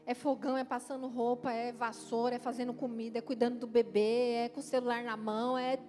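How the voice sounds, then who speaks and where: A middle-aged woman pastor from Brazil, preaching at a church conference in a lively, playful way and speaking straight to the congregation. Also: fairly high pitch, fairly quick. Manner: lively and playful, acts out quotes, talks straight to the crowd. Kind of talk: conference sermon. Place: church hall, live event. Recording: long hall reverb with faint music.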